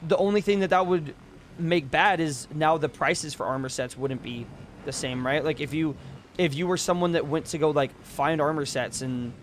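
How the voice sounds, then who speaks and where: A man's voice: fairly high pitch, normal speed, slight background noise. A young man live-streaming a game, ranting casually and emphatically, swearing freely.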